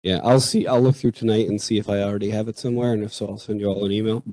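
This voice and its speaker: A man's voice: lowish voice, racing, no echo. Man chairing a school board meeting. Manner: relaxed, conversational.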